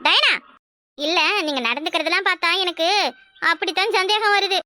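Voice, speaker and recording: A woman's voice: very high voice, fairly quick, sharp tone, no room sound, full character voice. A woman with a southern Tamil accent from Kanyakumari voicing a fretful young village wife in a cartoon. She complains and laments, often exclaiming to herself. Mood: lamenting. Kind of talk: cartoon voice acting.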